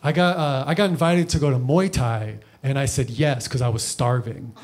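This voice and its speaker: This comedian in his thirties performs live in a comedy club, his medium-pitched voice fairly even, moderately paced and darkish, with slight background noise. The audience laughs as he rambles loosely, full of "like" and "you know."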